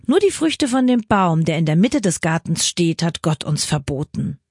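A woman's voice: fairly low pitch, very animated, normal speed, darkish tone, breathy edge, no room sound. Eve from the bible, earnest, woman reading, close dry voice. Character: the first woman, innocent and earnest.

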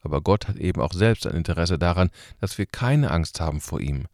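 A man's voice: low voice, expressive, a little fast, a little mellow, no room sound, clean studio sound. A man leading a short radio service and preaching in a colloquial, ironic way. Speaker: pastor. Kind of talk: radio sermon.

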